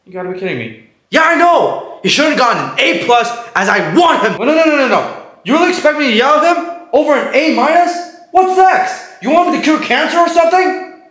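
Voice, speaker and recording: A man's voice: very high-pitched, lively intonation, fairly quick, fairly bright tone, echoey room. A man playing himself in a comedy skit, talking in a nervous, confused way.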